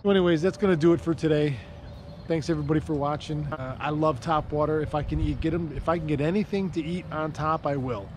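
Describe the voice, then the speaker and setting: A man's voice: on the high side, fast. A man in his thirties talking casually about fishing as he casts from a lake dock, recorded on an action camera. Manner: chatty, excited when fish strike. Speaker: fishing channel host. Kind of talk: casual fishing vlog narration. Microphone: action camera, chest-mounted then on a stand. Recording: outdoor camera mic with noticeable background noise.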